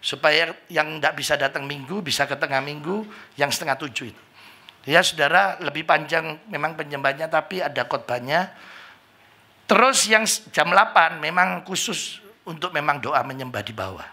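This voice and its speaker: Gravelly, bright-voiced pastor. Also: male voice, a little high, normal speed. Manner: lively storytelling, acts out voices of people in anecdotes. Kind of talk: sermon.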